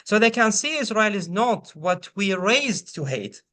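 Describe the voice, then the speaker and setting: A man from Iraq with an Iraqi accent, speaking as a panelist in an earnest, persuasive way with frequent halting restarts. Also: high-pitched, big pitch swings, sharp tone. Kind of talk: panel discussion.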